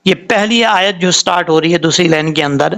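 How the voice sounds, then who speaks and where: High-voiced Pakistani Urdu Quran teacher. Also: male voice, fairly bright tone. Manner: patient, explains letter sounds slowly and repeats words. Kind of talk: tajweed lesson with spelled-out recitation.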